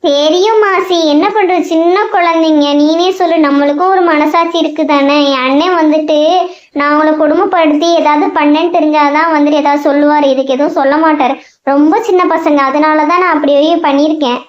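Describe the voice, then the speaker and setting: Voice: sits high, steady tone, a little fast, lightly acted. Someone voicing a fretful, put-upon male cartoon monster who rants and complains in a whiny way, with a Tamil accent. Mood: worried. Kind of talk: cartoon voice acting. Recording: roomy, dull lo-fi sound.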